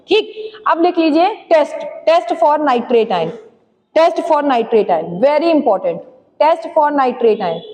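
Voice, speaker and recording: A woman's voice: high voice, darkish tone. A woman teaching a chemistry class in speech, quizzing students, answering her own questions and dictating key points. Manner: urges students to write fast; slowly spells out key terms for dictation. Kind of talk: classroom lecture, dictating notes. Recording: long hall reverb.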